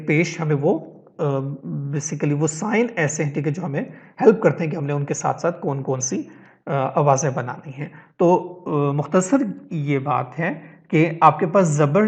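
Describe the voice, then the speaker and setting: A man's voice: a little high, a little mellow. A man teaching an online lesson on reading, explaining step by step, checking in with his listeners and mixing English words into his talk.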